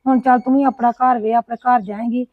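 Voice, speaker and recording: A woman plays a mother in a homemade family drama. She coaxes and questions her daughter gently. Her slightly high voice sounds dry and tinny, like a phone line. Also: steady tone, brisk, no echo.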